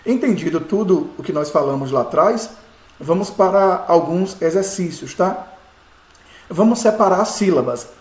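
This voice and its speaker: A man teaches a lesson, his voice a little high. He goes step by step and keeps checking that his students follow. The room around him is echoey. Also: expressive, normal speed. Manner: patient, explains step by step, asks rhetorical checks. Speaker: pastor teaching biblical Hebrew. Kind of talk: classroom-style lesson.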